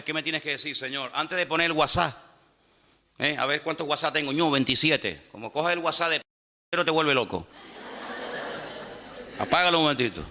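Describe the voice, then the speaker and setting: A man preaching a lively sermon as pastor, animated and humorous, using repetition, rhetorical questions and acted-out dialogues. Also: on the high side.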